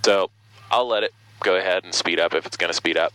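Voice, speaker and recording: A man's voice: low-pitched, quick pace, pushed and bright, rough recording. A man working as a flight instructor, patiently explaining procedures over a headset in a small plane cockpit. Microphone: aviation headset intercom.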